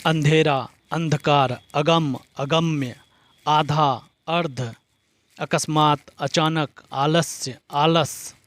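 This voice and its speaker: Slow, deliberate man teaching vocabulary. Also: on the high side, no room sound. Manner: lists word pairs in a steady drilling rhythm. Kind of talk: exam-prep vocabulary lesson.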